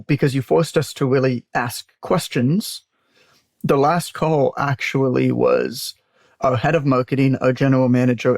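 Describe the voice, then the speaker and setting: This man is an interview guest, a business owner and author, who tells stories conversationally, speaks candidly and emphatically, and swears freely. His mid-range voice is gravelly and a little mellow, with no echo in the recording.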